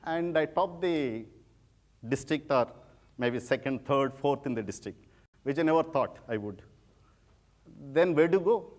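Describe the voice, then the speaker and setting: A middle-aged man speaks with a heavy Telugu-accented English. His voice sits a little high for a man, and he talks like a guest speaker sharing personal stories, often repeating phrases for emphasis. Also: lively intonation, measured pace, long pauses, a little mellow. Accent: Telugu Indian. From rural village in India. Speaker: guest speaker, former civil servant turned social entrepreneur. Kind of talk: informal public talk with personal anecdotes.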